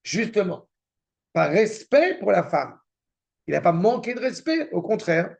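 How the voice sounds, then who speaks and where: A man's voice: high-pitched, very animated, a little slow, vocal fry, darkish tone. A man teaching a Torah class, reading verses and explaining them cynical asides. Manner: reads Hebrew text then explains it, with cynical asides. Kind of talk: Torah lesson with Hebrew quotes and commentary.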